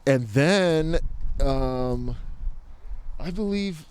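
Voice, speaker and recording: A man talks casually through a face mask, slightly muffled, haltingly repeating words as he explains and recalls. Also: mid-range voice, expressive, a little mellow. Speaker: interviewed community garden organizer. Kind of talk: casual spoken recollection on a walking tour. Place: outdoors in a community garden. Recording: muffled outdoor recording, background noise, some wind.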